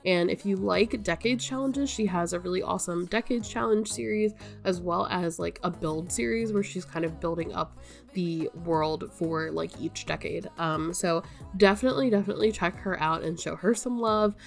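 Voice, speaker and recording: A young woman, a gaming YouTuber, chats casually to her viewers in a rambling way full of ums and likes. She is sick and stuffy-nosed, her voice wearing out, and sounds nasal, lowish, and creaky at a moderate pace. Soft music plays in the background.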